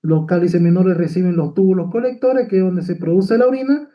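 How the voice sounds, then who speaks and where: A man's voice: high voice, fairly even intonation, a little fast. A man teaches a medical class, walking through a slide point by point. He checks in with frequent tag questions and fillers as he explains. The audio sounds slightly dull, as if through a modest mic. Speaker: medical lecturer. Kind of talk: lecture with slides.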